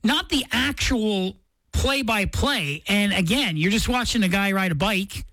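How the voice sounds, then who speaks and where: A woman's voice: mid-range voice, expressive, measured pace, fairly bright tone, dry recording. A woman hosting a radio morning show, chatting casually and enthusiastically. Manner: conversational, enthusiastic.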